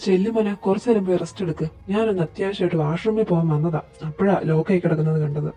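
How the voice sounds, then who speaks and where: A man playing a nosy, fussy older office worker in a fan audio drama, scolding but fatherly, with a husky voice. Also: sits high, rapid-fire, mellow, faint music behind.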